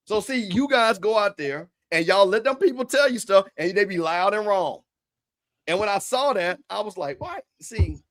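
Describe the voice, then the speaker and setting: Brash, high-voiced sports show host man. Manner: brash, scolding, lively. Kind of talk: casual sports talk show.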